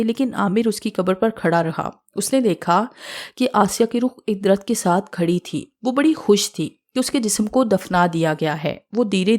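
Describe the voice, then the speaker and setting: A woman's voice: mid-range voice, darkish tone. Woman narrating a horror audiobook. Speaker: storyteller.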